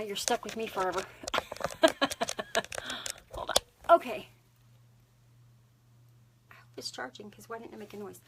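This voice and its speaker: A woman with a Texan accent hosting a craft livestream from her home, chatting casually with viewers, bubbly and quick to laugh. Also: on the high side, very noisy. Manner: chatty and bubbly, saying y'all often and laughing a lot. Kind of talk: casual live-stream chat with viewers.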